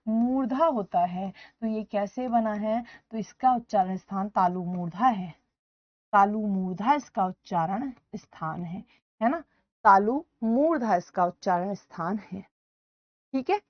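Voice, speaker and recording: A woman teaching Hindi grammar in a live online class, loudly repeating each question and answer to her students. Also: medium pitch, measured pace, no echo, dull audio. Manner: loud speaker.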